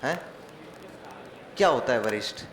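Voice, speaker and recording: A man's voice: medium pitch, expressive, a little slow, a crowd in the background. A male teacher, giving an online exam-prep class. He asks his own questions and answers them, with joking, mock-dramatic asides. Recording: echoey room with faint ambient noise.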